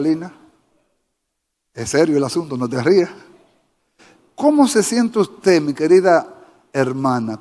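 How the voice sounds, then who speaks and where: A Dominican pastor with a fairly high, slightly mellow voice preaches fervently in a church sanctuary. He often questions the congregation directly, and the hall adds long reverb.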